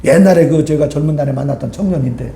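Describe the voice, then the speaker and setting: High-voiced pastor preaching in an echoey church. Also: male voice, quick pace, creaky, dark tone, a little hiss or hum. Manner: conversational preaching, keeps prompting the congregation for agreement. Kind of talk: sermon. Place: church sanctuary.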